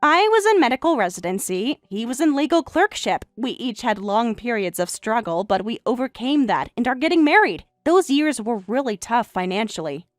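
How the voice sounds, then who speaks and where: A composed, quietly defiant young professional bride played by a woman in a family drama story. She speaks in a fairly high, lively voice with pointed, matter-of-fact delivery, recorded dry over faint music. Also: moderate pace, hardly any pauses, dry recording. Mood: composed, proud. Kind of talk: acted dialogue in a narrated family drama.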